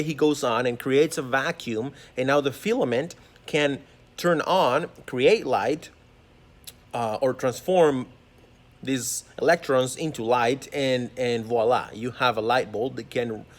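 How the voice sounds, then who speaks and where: A man giving a reflective spiritual monologue as a holistic vlogger, earnest and musing, often restarting his phrases. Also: mid-range voice.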